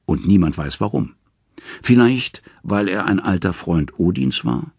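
A man narrating an audiobook with expressive storytelling. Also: low voice, gravelly, breathy edge, no room sound, studio quality.

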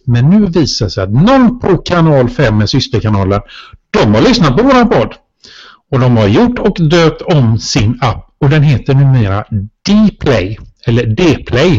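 A man's voice: a little high, darkish tone. Hesitant man co-hosting a podcast. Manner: rambling, hesitant with many fillers, mock-ranting. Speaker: podcast co-host. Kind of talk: casual podcast chat. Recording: dull lo-fi podcast audio.

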